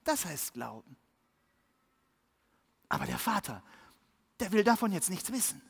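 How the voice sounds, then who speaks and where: Preacher telling kids a bible story, dramatic soft and loud bits, big echoey church. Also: medium pitch, a little slow, creaky, breathy edge. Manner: vivid storyteller, swings between hushed and lively. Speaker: preacher at a children's service. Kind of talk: sermon storytelling to children.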